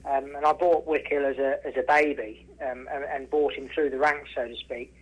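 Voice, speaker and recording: Over a phone line that sounds like a radio call, this English racehorse trainer and ex-jockey speaks in a medium-pitched, level voice at normal speed. He's being interviewed casually as a guest. He keeps restarting and repeats points to stress them.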